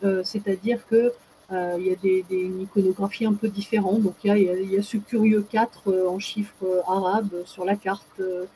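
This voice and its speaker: Mellow-voiced woman explaining with many hesitations. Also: medium pitch, flat delivery, fairly quick, a little hiss or hum, rough recording. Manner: hesitant, many fillers and restarts. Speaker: guest expert. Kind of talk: casual explanatory talk.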